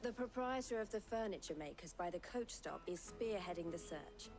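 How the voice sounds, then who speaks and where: An actress playing a composed, formal woman trader in a video game, speaking in a measured, persuasive way. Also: lowish voice, expressive, darkish tone. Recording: game audio with music underneath. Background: game music.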